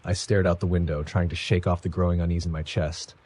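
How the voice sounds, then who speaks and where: A man reading a first-person horror story in a measured, somber scripted narration. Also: sits low, little pitch movement, darkish tone, slightly rough.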